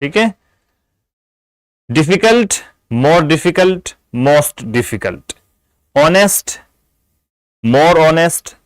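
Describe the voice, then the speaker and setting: A man giving an English grammar lesson, explaining patiently in Urdu-flavoured Hindi and repeating example words slowly. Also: on the high side, lively intonation, clean tone, no room sound, rough recording. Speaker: English teacher.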